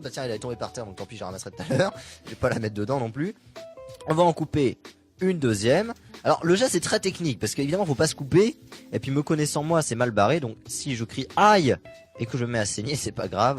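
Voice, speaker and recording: Fast-talking playful male radio host. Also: medium pitch. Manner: playful, joking, running commentary. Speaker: radio host cooking on air. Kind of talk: casual radio chat. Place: small radio studio. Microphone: studio microphone.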